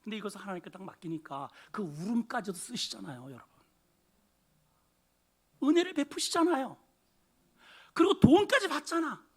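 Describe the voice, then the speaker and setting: A man preaching a Sunday sermon as pastor, dramatic, swinging from loud exclamations to hushed asides. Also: sits high, sing-song, moderate pace, long pauses, husky. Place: church sanctuary.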